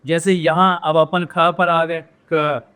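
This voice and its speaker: A man teaches a grammar lesson in a smooth, resonant voice that sits a little high for a man. He drills pronunciation, saying words slowly and repeating them, and keeps checking in with his viewers. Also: level tone, fairly bright tone. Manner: addresses viewers directly with frequent "है ना?". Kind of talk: classroom-style grammar lesson.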